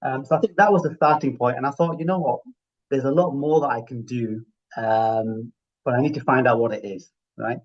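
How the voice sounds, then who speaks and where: A middle-aged man with a broad Yorkshire accent speaks in a reflective, conversational way, as an interview guest would. His pitch is average for a man and he often checks that the listener agrees. The audio is slightly dull and low in fidelity. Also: fairly quick. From Yorkshire, England. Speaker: interview guest, healthcare finance professional.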